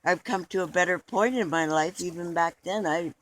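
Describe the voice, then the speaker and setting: A man's voice: high voice, normal speed, fairly bright tone, rough recording. A man being interviewed in a mock documentary, talking in an earnest, rambling way with restarts.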